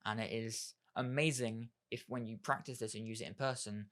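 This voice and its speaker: A man's voice: lowish voice, steady tone, moderate pace. A man giving a casual talk on communication skills, rambling and leaning on filler phrases while he restarts sentences. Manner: rambling, leans on "obviously" and "kind of"; acts out sample dialogue in a brighter voice.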